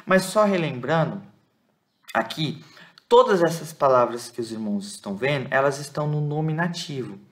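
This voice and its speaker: A man's voice: fairly high pitch, animated. Patient man teaching Greek. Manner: patient, repeats words slowly, frequent "tá?" checks. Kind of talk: explanatory lesson.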